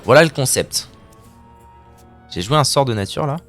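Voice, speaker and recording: Lively guy streaming card games, goofy sound effects, cheeky trash talk, faint music under him. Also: medium pitch, normal speed. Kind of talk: live gameplay commentary.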